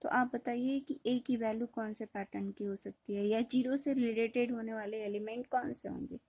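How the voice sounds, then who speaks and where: A woman's voice: fairly high pitch, fairly even intonation, moderate pace, a little mellow, dry recording, poor audio. A woman teaching a maths lecture, explaining step by step and asking questions she then answers herself. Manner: mixes in English terms, with fillers and restarts. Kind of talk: classroom lecture.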